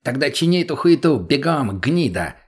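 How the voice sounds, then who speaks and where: A snarling, foul-mouthed junkie, crude and hot-headed, as a man voices him in a dark audiobook. The voice is a little higher and louder than the narration, menacing and quick to bark. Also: expressive, slightly rough.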